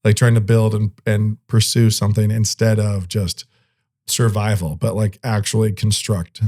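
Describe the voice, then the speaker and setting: A man's voice: fairly low pitch, little pitch movement, normal speed, a little mellow. A man co-hosting a podcast in casual chat, rambling and laughing often. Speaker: podcast co-host.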